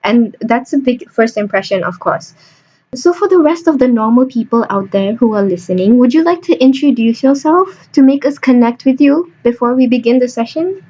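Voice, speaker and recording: A woman's voice: fairly high pitch, animated, moderate pace, mellow, slightly rough. A young woman hosting a student podcast, playful and theatrical, joking her way through the interview. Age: young adult. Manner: bubbly, jokey, theatrical. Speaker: podcast host. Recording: dull lo-fi home recording.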